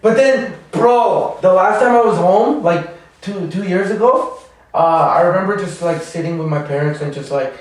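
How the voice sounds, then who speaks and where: This Salvadoran comedian, appearing as a guest on a casual podcast, has a high voice and a moderate pace. He tells rambling stories in slangy chat and laughs often. The mic sits at a distance in an echoey room.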